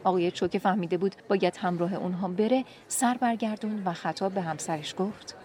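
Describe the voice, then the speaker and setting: A woman calmly narrating a story in an even reading voice. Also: lowish voice.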